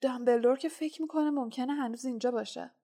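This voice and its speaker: A woman's voice: high-pitched, warm tone. A woman reading a storybook voices a teenage schoolboy speaking in an offhand, casual way.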